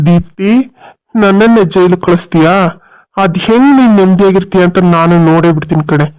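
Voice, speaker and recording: A man's voice: high voice, brisk, darkish tone, smooth. A man voicing the men in a cartoon drama, gloating and scheming. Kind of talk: cartoon story voice acting.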